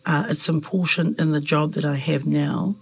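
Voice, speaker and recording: Deep, gravelly and husky, this New woman speaks at a normal speed in a dry recording. A Samoan-speaking member of parliament, she gives reflective interview answers thoughtfully, hesitating with fillers and growing animated when she quotes others.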